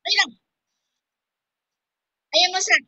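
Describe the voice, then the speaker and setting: A woman's voice: slow, pushed and bright, dull audio. A young woman teaching kindergarten children in an online class, coaxing and playful in a singsong way.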